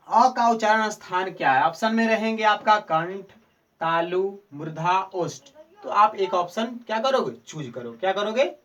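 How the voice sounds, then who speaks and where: A man's voice: sits high, a bit bright, recorded from a distance. A male teacher giving a Hindi grammar lesson, asking questions and answering them himself, repeating key answers. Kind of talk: Hindi grammar lesson for board exam students.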